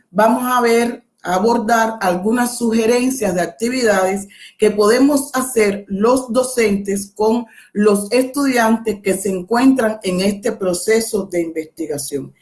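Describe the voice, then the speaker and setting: A Cuban guest lecturer gives an academic webinar talk at a slow pace, her Cuban Spanish accent clear. Her voice is a little high with a darkish tone, and she explains in a measured way, pausing to think and correcting herself.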